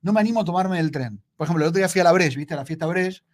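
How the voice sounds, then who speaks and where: Man, rapid-fire casual talk, slightly high voice. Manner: chatty, repeats himself, says "amigo" often. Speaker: podcast co-host. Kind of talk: casual chat.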